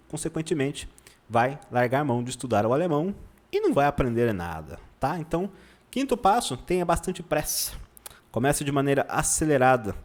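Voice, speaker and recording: A man's voice: mid-range voice, a little mellow. A man teaching German online, giving sarcastic mock-serious advice and checking in with "tá?" as he writes points on a board. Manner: writes on a board while talking, slowing to spell out points.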